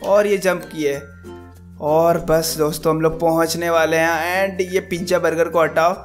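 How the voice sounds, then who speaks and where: Young male gaming streamer, high voice, jumpy and exclaiming. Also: measured pace, faint music behind. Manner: excitable, frequent yelps and exclamations. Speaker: gaming YouTuber. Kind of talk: excited gameplay commentary.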